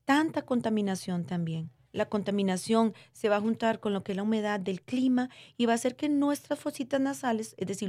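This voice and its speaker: Interviewed as a guest expert, a woman doctor explains medical matters to lay listeners in plain, conversational terms, using diminutives and checking in often with questions. Her medium-pitched voice is a little mellow, recorded cleanly in a studio with no room sound.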